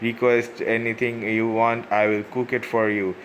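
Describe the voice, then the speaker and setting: A man voicing a cheerful, confident teenage boy ninja who mentors younger kids, read out haltingly. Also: lowish voice, little pitch movement, slight background noise, natural voice. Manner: halting read-aloud delivery.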